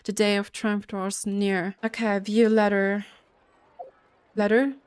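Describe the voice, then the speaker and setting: A woman streaming a game chats casually and reads text aloud as she plays, hesitating and thinking out loud over game music. Her mid-range voice is level, clear and resonant, and she takes it slowly.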